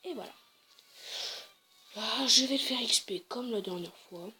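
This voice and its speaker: A woman's voice: a little high, a little slow, pushed and bright, faint music behind. Chatty young-sounding woman gaming. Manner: chatty, hesitant, self-correcting. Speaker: let's play gamer. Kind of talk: casual game commentary.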